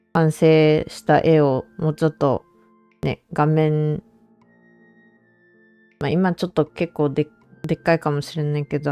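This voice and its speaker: A woman's voice: low voice, darkish tone, smooth, no echo. A woman streamer chatting casually and informally to viewers on a livestream.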